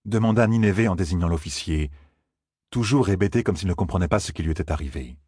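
A man narrating an audiobook in a measured storytelling manner, close to the mic. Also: low voice, lively intonation, a little mellow, husky, no echo. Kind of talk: scripted narration.

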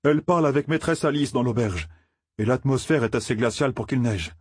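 A man's voice: mid-range voice, a little fast, darkish tone, husky, dry recording, studio quality, voice pushed up, close to an everyday voice. A man voicing an earnest young blacksmith. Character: young apprentice blacksmith, steady and bewildered.

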